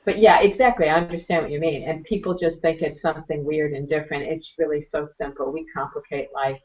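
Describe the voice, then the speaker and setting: A low-pitched woman whose voice is going hoarse speaks as a guest in an interview. She talks in an earnest, motivational way and clears her throat now and then. The recording is a little dull and muffled. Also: fairly even intonation, fast. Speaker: interview guest, meditation teacher. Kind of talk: conversational advice-giving.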